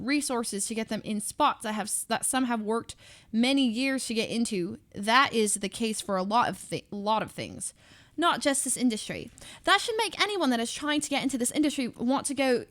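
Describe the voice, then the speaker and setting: A woman's voice: a little high, a bit bright. A woman streamer reading a book aloud with off-hand asides, practising put-on Southern, British and valley girl accents and stumbling over words as she goes. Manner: stumbles and restarts while reading. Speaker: live streamer.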